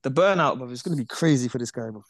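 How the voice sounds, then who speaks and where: A young man, co-hosting a casual football chat, animated and repetitive, dropping "bruv" and "bro" constantly. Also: medium pitch, racing, dry recording, clean studio sound. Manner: animated, repeats himself, peppers talk with "bruv" and "bro". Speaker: podcast co-host.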